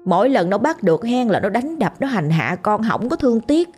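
A woman's voice: fairly high pitch, big pitch swings, brisk, darkish tone, slightly rough, soft background music. A woman voicing a grieving drowned ghost woman, a young mother, pleading tearfully. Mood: sorrowful pleading.

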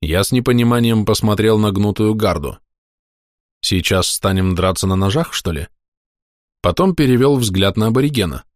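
A man's voice: on the low side, expressive, normal speed, no echo, studio quality. A man narrating a first-person audiobook.

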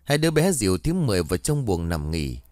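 A man reading a ghost story in a dramatic, expressive way. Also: lowish voice, fast talker, dry recording, clean studio sound. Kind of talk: scripted ghost-story narration.

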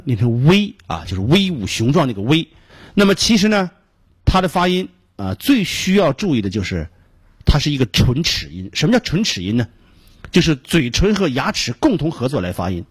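A middle-aged man with a Beijing Mandarin accent gives a radio pronunciation lesson, explaining slowly and repeating each sound he demonstrates. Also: mid-range voice, husky, no room sound. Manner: frequent filler particles between phrases. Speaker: English pronunciation teacher.

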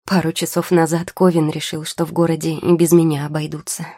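A woman's voice: deep voice, flat delivery, a little fast, dark tone, no room sound, studio quality. A woman voicing a tired, prickly young potion-maker who answers in curt, sarcastic retorts. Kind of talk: audiobook character voice.

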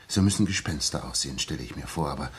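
This heavily acted performance from 1960s German radio drama features an extremely low, husky male voice talking fast as a young English ex-soldier, earnest and shaken, narrating his story. The mood is earnest and suspenseful, and he hesitates, repeating words whenever he gets agitated.

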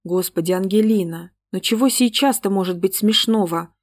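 A woman's voice: medium pitch, normal speed, dry recording, clean studio sound, close to an everyday voice. A woman reading a storybook voices a frightened young mother with strained, tense speech. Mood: anxious.

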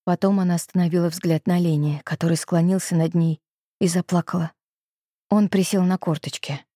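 A woman narrates an audiobook in a calm, measured way. Her voice is mellow and slightly low, recorded close with a dry sound and no room echo. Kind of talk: scripted narration.

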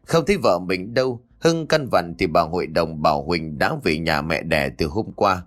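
A man narrating a ghost story in an expressive storytelling manner. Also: moderate pace. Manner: expressive storytelling with lively pitch.

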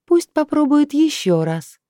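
A woman's voice: high voice, very animated, measured pace, dark tone, no echo, clean studio sound, voice pushed up. A woman voicing a mocking, playful female spirit that lives inside the heroine. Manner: sneering, playful.

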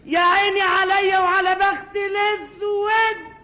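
A woman's voice: very high-pitched, steady tone, moderate pace, pushed and bright. An actress playing a nagging, quarrelsome wife who curses her husband, with an Egyptian accent, in an old radio comedy. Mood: scolding. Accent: Egyptian Arabic. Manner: scolding, cursing. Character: shrill nagging wife of a poor neighbour.

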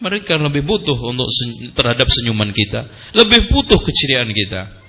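A man preaching an Islamic study lecture, animated and joking, jumping up high in pitch and acting out complaints. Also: moderate pace, slightly rough, lo-fi sound. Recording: live audio of a study session.

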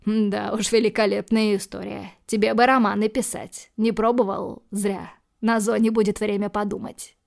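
A woman playing a cold, dangerous man in an audiobook, threatening in a calm, low, clipped way. The delivery is flat and monotone, with a gravelly edge. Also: moderate pace, few pauses, lightly acted. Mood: mocking. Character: cold, menacing male hero, a tough man. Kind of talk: audiobook character voicing.

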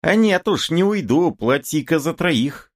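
A man voicing a shrill, brawling peasant woman who shouts abuse, in a novel reading. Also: expressive, measured pace. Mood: scolding.

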